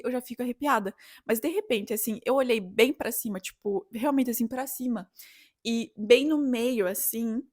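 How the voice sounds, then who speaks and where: A young woman vlogging in a casual, animated storytelling way, sometimes breaking into excited outbursts. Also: on the high side, no echo, clean studio sound. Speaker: travel vlogger.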